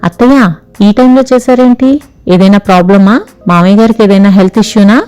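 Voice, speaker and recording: A woman's voice: mid-range voice, a little fast, darkish tone, smooth, close to an everyday voice. A woman voicing a polite young son-in-law who sounds worried.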